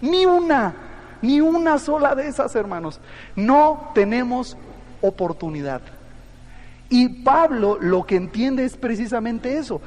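A man's voice: very high voice, animated, measured pace, in a large hall. A man preaching a sermon, questioning his congregation and telling an illustrative story.

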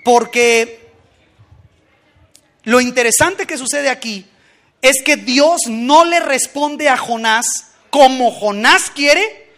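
A man preaching a sermon, animated and full of rhetorical questions, acting out little voices as he goes. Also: extremely high pitch.

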